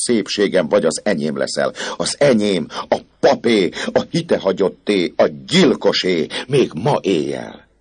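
A man's voice: very deep voice, vocal fry, a little mellow, husky, exaggerated voice. A man voicing an obsessed older priest who raves, pleads and threatens in a storybook reading. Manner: raving, pleading then menacing.

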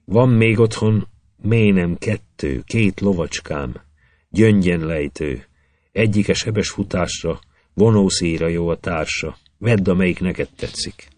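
A man's voice: deep voice, a little mellow, no echo, natural voice. A man voicing a trapped young man who pleads and bargains in rhythmic verse. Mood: bargaining.

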